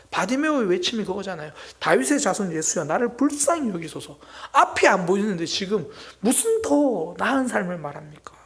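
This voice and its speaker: A male pastor delivers a sermon with a gravelly edge. His pitch leaps and falls with great animation, and he swings from near-whispers to loud, urgent exclamations. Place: church sanctuary.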